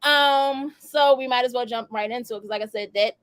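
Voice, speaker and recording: High-voiced laughing woman hosting. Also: fairly quick, a bit bright, clean tone, no echo. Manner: laughs often, slangy and loose. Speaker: podcast host. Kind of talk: casual chat.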